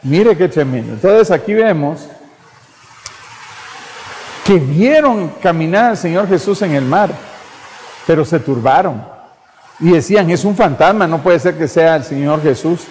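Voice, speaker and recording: A man's voice: a little high, expressive, unhurried, long pauses, a little mellow, slight background noise. A man preaching a fervent sermon, repeating phrases and calling the listeners brother. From Guatemala. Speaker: pastor. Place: church. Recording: church hall reverb.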